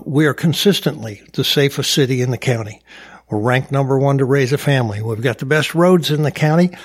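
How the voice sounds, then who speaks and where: A man's voice: mid-range voice, fairly quick, husky. A man, a mayor running for county office, giving upbeat interview answers, proud and full of uh fillers. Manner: upbeat, boastful, frequent uh fillers. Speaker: mayor and county supervisor candidate.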